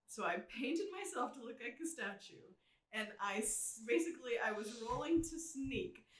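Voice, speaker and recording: A woman's voice: fairly high pitch, expressive, normal speed, reverberant, distant mic. A woman guest on a podcast, casually telling a tabletop game story and laughing often.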